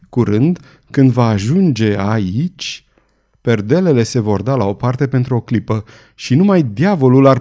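A man's voice: medium pitch, mellow, lightly acted. A man voicing a sly, plotting male court astrologer who speaks in a soothing, conspiratorial way.

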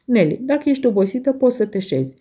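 A woman's voice: on the high side, big pitch swings, dark tone, husky, pitched above the performer's own voice. A woman reading the lines of a harsh, scornful, mocking father in an audiobook.

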